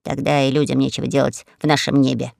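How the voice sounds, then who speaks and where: A hoarse, cheeky parrot, as a man reading puts him on. He barks out brash retorts in a gravelly voice. The recording is dry and close. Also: medium pitch, little pitch movement, fast, darkish tone, no room sound, pitched below the performer's own voice. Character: bold, rude male parrot.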